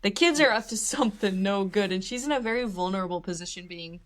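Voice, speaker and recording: A woman's voice: mid-range voice, quick pace, fairly bright tone. A woman co-hosting a podcast, chatting casually about a horror film, laughing often and acting out lines from the movie. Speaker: podcast co-host. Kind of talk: casual film review chat.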